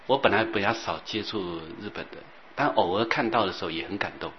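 A man teaching as a Buddhist master, rambling and repeating himself, sometimes chanting softly. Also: lowish voice, fairly quick. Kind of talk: dharma talk. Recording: dull lo-fi recording with faint hiss.

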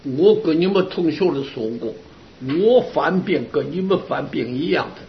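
A man, a Buddhist Dharma teacher, giving a sermon to his students with lively storytelling and rhetorical questions. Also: a little high, moderate pace, a little hiss or hum. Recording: dull lo-fi recording.

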